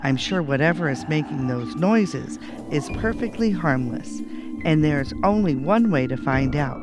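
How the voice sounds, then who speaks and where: A man voicing a sweet, gentle young female cartoon mouse, earnest and reassuring, in a storybook reading. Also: fairly high pitch, animated, a little slow, over music.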